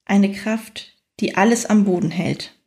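Soothing woman guiding a slow relaxation. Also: medium pitch, vocal fry, a little mellow. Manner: soothing, unhurried, with long pauses between phrases. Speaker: guided meditation narrator. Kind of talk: guided fantasy journey, scripted relaxation narration.

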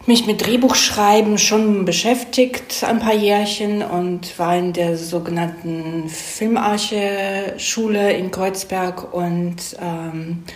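This woman speaks slowly in a medium-pitched, steady voice with hardly any pauses, recorded with a roomy echo. Appearing as an interview guest, she gives informal, hesitant explanations, often revising what she says and checking for agreement with tag questions.

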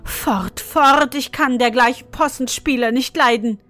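A woman's voice: takes it slowly, soft background music. A woman voicing an angry market woman who scolds and drives off a stranger she takes for a dwarf. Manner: scolding, shrill. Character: frantic grieving market woman, mother.

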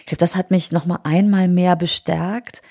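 In her forties and fighting a cold, a woman hosts a motivational solo podcast while on holiday indoors, speaking earnestly and encouragingly to her listener. Her voice sits lowish and dark, with a steady tone at a normal pace.

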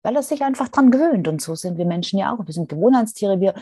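A woman hosting a solo podcast, speaking thoughtfully and directly to the listener, pausing often with fillers. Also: medium pitch, animated, dark tone, slightly rough, no room sound, studio quality. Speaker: podcast host. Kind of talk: reflective solo podcast talk.

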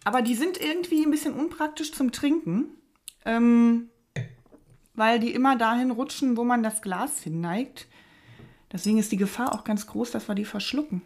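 A woman's voice: fairly high pitch, normal speed, a little mellow. A woman from near Berlin co-hosting a podcast, chatting casually and playfully over drinks, with frequent giggles and trailing fillers. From near Berlin, Germany. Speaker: podcast co-host.

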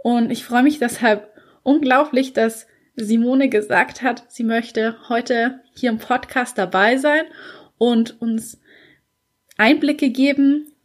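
A woman's voice: fairly high pitch, fairly even intonation, slow. A woman hosting her podcast, speaking in an enthusiastic, gushing way with fillers. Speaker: podcast host and author. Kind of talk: casual podcast intro monologue.

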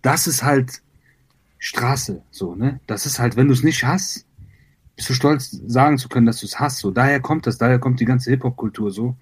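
A man from Iran with a husky, slightly breathy voice, answering interview questions. He talks in a halting, reflective way, circling back with fillers and repeated words. His voice sometimes drifts a little away from the mic. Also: medium pitch. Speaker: rapper, interview guest. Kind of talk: conversational interview.

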